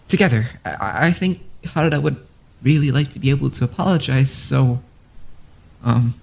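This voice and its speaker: An actor voicing a grieving student in a fan-made game who speaks to friends who have passed on, talking haltingly with stammers and sighs. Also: medium pitch, vocal fry, darkish tone, breathy edge, exaggerated voice.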